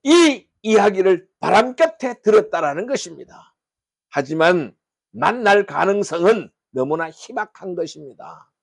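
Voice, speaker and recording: A man's voice: sits high, sing-song, measured pace, gravelly, breathy edge, no room sound. A man preaching a sermon as pastor, putting rhetorical questions to the congregation.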